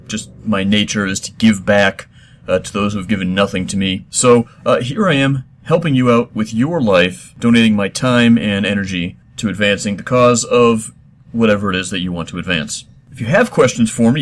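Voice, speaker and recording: A middle-aged man hosting a comedy show, answering listener questions in a deadpan, mock-serious, rambling way. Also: medium pitch. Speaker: host.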